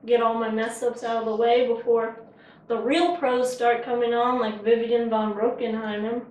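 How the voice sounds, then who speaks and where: A woman with a fairly high voice hosts a casual home cooking show, chatty and joking as she samples dishes. She is picked up from across an echoey kitchen with faint room noise. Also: muffled recording. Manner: chatty, joking, talks with her mouth full. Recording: echoey kitchen, mic far off.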